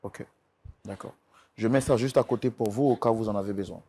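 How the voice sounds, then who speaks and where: A man hosting a talk show as mediator, firmly and gently calming a distressed guest with repeated requests. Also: on the low side, brisk, breathy edge. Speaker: mediator host.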